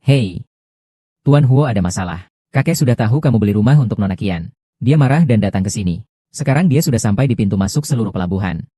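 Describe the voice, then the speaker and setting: A man reading every part of a dubbed drama in a plain, even way. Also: lowish voice, quick pace, breathy edge, dry recording, studio quality.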